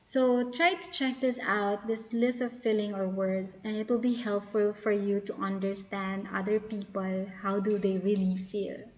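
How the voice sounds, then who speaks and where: A woman's voice: medium pitch, flat delivery, measured pace, hardly any pauses. A woman teaching a lesson on spiritual care, explaining step by step with fillers and restarts. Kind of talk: teaching lecture.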